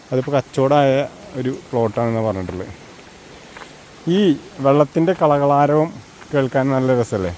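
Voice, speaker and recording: A man's voice: mid-range voice, warm tone, low-quality recording. A man with a Kerala Malayalam accent gives a casual, chatty walking tour outdoors, mixing English slang words into his Malayalam. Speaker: vlogger giving a walking tour. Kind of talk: casual chatty walk-and-talk narration. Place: outdoors in hilly countryside. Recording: outdoor rural recording with clear background noise.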